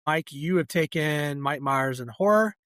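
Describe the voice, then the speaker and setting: A man's voice: on the high side, animated, unhurried, a bit bright, no echo, clean studio sound. A man hosting a casual podcast, keeping the draft moving with recaps and retelling stories at length. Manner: runs the draft, recaps picks and tells anecdotes. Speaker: podcast host.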